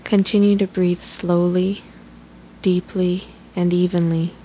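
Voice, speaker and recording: A woman leading a guided relaxation meditation in a slow, soothing, instructional way. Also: fairly low pitch, little pitch movement, mellow, a little hiss or hum, poor audio.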